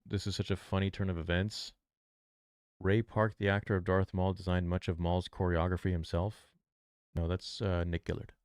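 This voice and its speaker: A man's voice: low-pitched, little pitch movement, moderate pace, darkish tone, clear, resonant tone, no room sound, clean studio sound. A man streaming live, reacting casually and reading chat aloud in a laid-back, slangy way.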